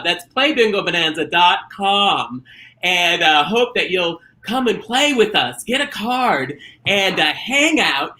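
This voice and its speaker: A man's voice: high-pitched, echoey room, heavily acted, rough recording. A man playing a perky, campy beauty-queen bingo hostess, chatting theatrically as a bingo caller with teasing asides. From Minnesota. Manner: theatrical, chirpy, rambling with teasing deadpan asides. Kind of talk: chatty bingo caller patter to a live online audience.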